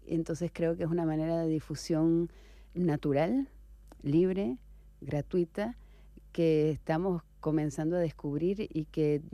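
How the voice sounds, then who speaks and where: Deep-voiced and unhurried, a woman writer from Venezuela reflects on interview questions, softly hesitating and adding tag questions. The recording has no echo.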